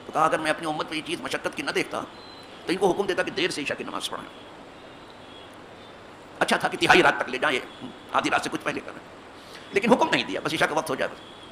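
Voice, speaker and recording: Forceful imam preaching. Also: male voice, fairly high pitch, long pauses, slight background noise. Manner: emphatic, rhetorical questions, rising to forceful peaks. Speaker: mosque imam giving hadith lesson. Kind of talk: Urdu hadith sermon. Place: mosque, seated at the pulpit.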